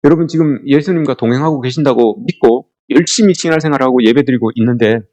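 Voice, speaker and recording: A middle-aged man with a warm, mid-range voice talks quickly as he preaches a family worship sermon, the audio missing its highs. As a pastor he tells stories, regularly questions the congregation, and acts out quotes in a raised voice.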